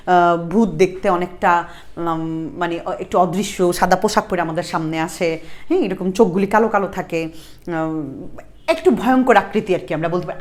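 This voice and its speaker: A young woman, teaching an English exam-prep lesson. She reads phrases slowly, explains quickly, and often checks in with a rising question. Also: mid-range voice. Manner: explains slowly, then rapid asides, asks "ঠিক আছে?" with a rising tone.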